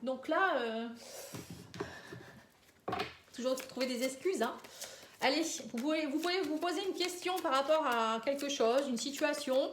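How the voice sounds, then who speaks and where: A woman's voice: high-pitched, measured pace, pauses often, reverberant, noisy background. A woman giving a casual card-reading guidance, hesitant and full of fillers. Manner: hesitant, frequent euh and hein fillers. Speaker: tarot reader.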